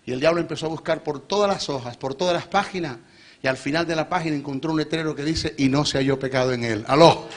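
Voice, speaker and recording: A man with a Venezuelan Spanish accent preaching a sermon, theatrical, shifting between loud exhortation and low, quiet storytelling. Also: fast, slight background noise. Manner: theatrical, switches between shouting and low asides, acts out devil and God.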